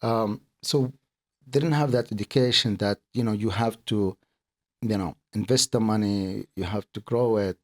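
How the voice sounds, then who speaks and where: A middle-aged man from Kuwait talks as an interview guest, earnest and a little halting, often circling back over his words. His voice sits on the low side. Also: steady tone. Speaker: podcast guest, accountant and business owner. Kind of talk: casual interview talk.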